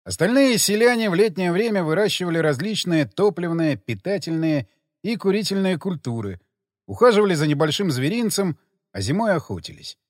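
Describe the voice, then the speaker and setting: A man's voice: high-pitched, expressive, fairly quick, no echo, studio quality. A man narrating a post-apocalyptic adventure audiobook.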